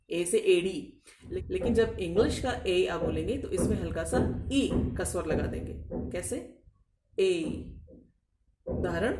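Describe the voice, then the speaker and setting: A woman's voice: medium pitch, distant mic. A woman teaching English pronunciation in a video lecture, explaining patiently and asking back key words before repeating them. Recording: echoey room, voice off-mic.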